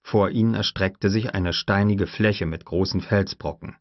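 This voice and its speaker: A man with a very low voice narrates an audiobook in a measured, even manner. The sound is dry and close, with a slightly dull, lo-fi quality. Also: dry recording. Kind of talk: scripted narration.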